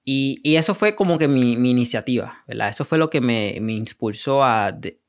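A man's voice: medium pitch, lively intonation, moderate pace, gravelly. A man from Puerto Rico with a Puerto Rican accent, a guest coach telling his story in an interview, hesitant with many fillers. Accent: Puerto Rican Spanish.

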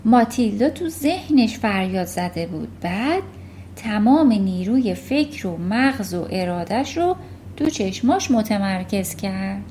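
A woman narrating a children's novel in a calm storytelling manner. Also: mid-range voice, a little hiss or hum. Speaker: audiobook narrator. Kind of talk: children's audiobook reading.

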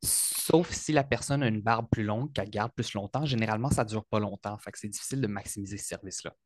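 A man in his thirties with a Quebec French accent, a hairstylist guest talking in a relaxed, hesitant way with fillers. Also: lowish voice, fast talker, no echo, studio quality. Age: 30s. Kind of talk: casual interview.

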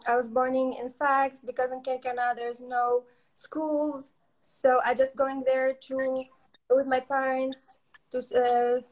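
Young Tunisian woman, Arabic speaker, high voice, hesitant English with lots of ums, online interview guest. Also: rough recording. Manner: halting non-native English with many fillers. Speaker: guest photographer.

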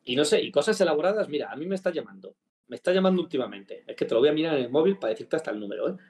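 A man's voice: fairly high pitch, racing. A man chatting casually as a podcast co-host, retelling a story with jokes. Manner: storytelling, jokey, animated retelling of a phone call. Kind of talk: casual chat.

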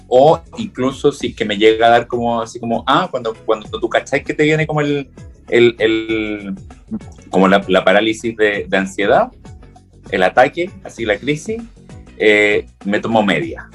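Chilean-accented man, casual chat, campy rambling jokes, lowish voice, faint music bed. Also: expressive, normal speed. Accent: Chilean Spanish.

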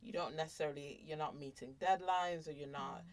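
A woman chatting casually on a podcast, measured and a little hesitant. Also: low voice, steady tone. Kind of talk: casual chat. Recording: off-mic, distant.

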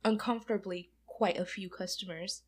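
A woman's voice: mid-range voice, steady tone, normal speed, breathy edge. A woman in her twenties from Michigan, co-hosting a podcast in casual chat, talkative, laughing often and swearing freely. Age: 20s. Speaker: podcast co-host.

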